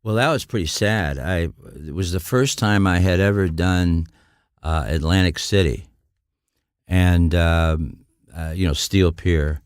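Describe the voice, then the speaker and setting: An older Midwestern guest musician rambles through long anecdotes in conversation, with frequent restarts. His low voice is smooth and unhurried, and the recording is dry and studio quality.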